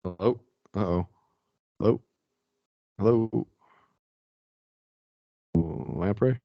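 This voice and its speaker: A man's voice: fairly low pitch, very slow, no room sound. A man talking casually as a guest over an internet call that is breaking up and cutting out. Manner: relaxed, rambling, many "like" fillers. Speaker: guest on a live-stream show. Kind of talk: casual conversation. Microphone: remote call audio. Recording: dull lo-fi dry call audio.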